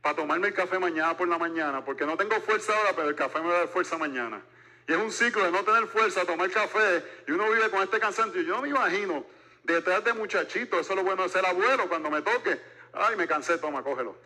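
Bright-voiced joking preacher, a man in his forties. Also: sits high, fast. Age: 40s. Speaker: pastor. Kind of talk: sermon.

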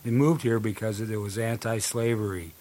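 A man's voice: fairly low pitch, steady tone, normal speed, warm tone, slight background noise. A man hosting a podcast, telling anecdotes and narrating history in a loose, conversational way. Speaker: podcast host.

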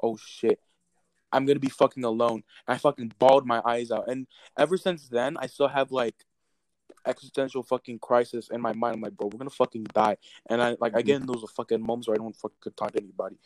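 A young man in casual chat, telling animated stories and swearing constantly. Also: mid-range voice, quick pace, no room sound. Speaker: podcast co-host.

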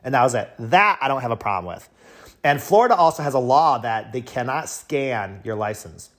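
A man's voice: mid-range voice, lively intonation, moderate pace, fairly bright tone. A man, a truck driver, telling a story in a rambling, casual rant full of fillers, acting out the people he quotes.

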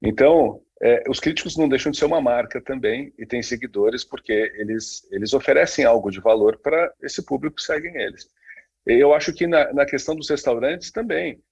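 A man's voice: mid-range voice, fairly quick, darkish tone, slightly rough, dull audio. A man co-hosting a casual talk, speaking with many fillers and restarts. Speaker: podcast co-host. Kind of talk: casual conversation on branding.

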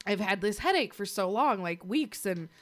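A young woman in casual chat, telling a story in an animated way, swearing freely and laughing as she goes. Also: mid-range voice, moderate pace.

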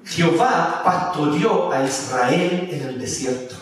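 A pastor preaching a sermon, animated, with emphasis that rises and drops. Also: male voice, a little high, takes it slowly, a little hiss or hum. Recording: echoey room from a distance.

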